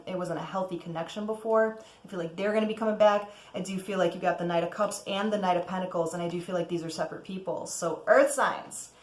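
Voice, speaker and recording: Chatty woman reading tarot, echoey room. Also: lowish voice. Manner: chatty, frequent "okay?" and cheerful whoops. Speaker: tarot reader. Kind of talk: casual tarot reading to camera.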